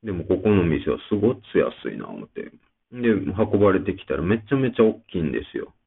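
Low gravelly Kansai man, tinny sound. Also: sing-song, quick pace. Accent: Kansai Japanese. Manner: rambling, chatty, many fillers. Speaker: podcast host. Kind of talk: casual solo talk.

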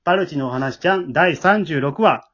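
The leader of an amateur drama troupe, a man with a Kansai accent, hosts in a casual yet polite style. His voice is fairly high and fairly bright, at a moderate pace, captured in a dull lo-fi remote home recording.

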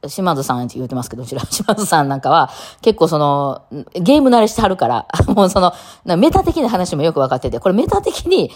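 Fast, lively Kansai woman chatting. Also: deep voice. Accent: Kansai Japanese. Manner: chatty, rambling, laughs often, many fillers. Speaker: podcast host. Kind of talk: casual solo talk.

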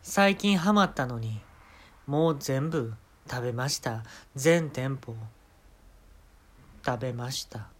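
A man's voice: mid-range voice, slow, pauses often. Kansai man doing a comic monologue. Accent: Kansai Japanese. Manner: absurd storytelling with mock-serious instructions. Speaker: podcast host.

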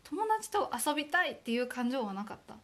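A woman's voice: high-pitched, big pitch swings, fairly quick, a bit bright. A young woman from Aomori co-hosting a casual chat podcast with her sister, telling stories in a chatty, self-deprecating way. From Aomori, Japan. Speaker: podcast co-host.

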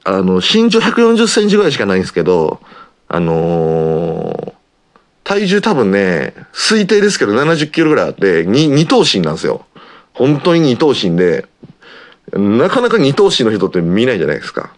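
A man with an Osaka Kansai accent hosting his own podcast, talking casually and rambling with lots of filler pauses. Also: mid-range voice, huge pitch swings. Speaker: podcast host, pro wrestler. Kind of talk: casual solo radio-style talk.

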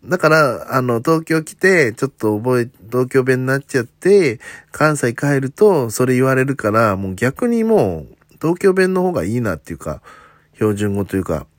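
A comedian from Osaka hosts a solo talk podcast, chatting casually in slightly Tokyo-leaning standard Japanese with faint Kansai traces. His mid-range voice is sing-song and moderately paced, full of "un" fillers, joking asides, and self-deprecation. The recording is dry, with clean studio sound.

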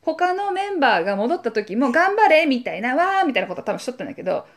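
A woman's voice: on the high side, big pitch swings, rapid-fire. A woman speaking, co-hosting a podcast and telling a story in casual chat, acting out voices and sound effects as she goes. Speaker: podcast co-host.

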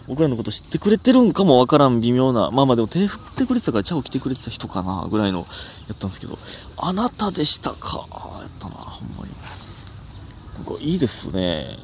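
A young man with a Kansai accent, hosting a casual solo comedy podcast, rambling and self-mocking with sudden animated outbursts. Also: medium pitch, a little hiss or hum.

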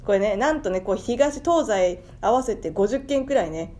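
A woman hosting a casual podcast over a remote call, laughing often and reading out results in a brisk announcing manner. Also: mid-range voice, lively intonation, warm tone. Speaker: podcast host.

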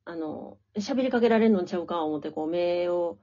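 A woman guest in a casual chat, calm, mostly giving short agreeing replies. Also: on the low side, fairly quick. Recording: dull lo-fi sound.

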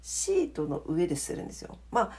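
Lively, low-pitched woman chatting late at night. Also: fairly quick. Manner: polite, chatty, self-deprecating. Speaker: solo audio diary host, radio-DJ style greeting. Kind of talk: casual late-night solo chat.

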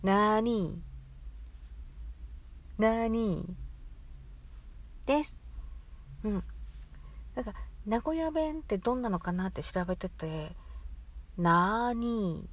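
A woman's voice: medium pitch, very animated, normal speed, pauses often, a little mellow. A woman with a Nagoya accent chatting alone as a podcast host, musing aloud and acting out little everyday exchanges in dialect. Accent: Nagoya Japanese. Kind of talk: casual solo talk on local dialect.

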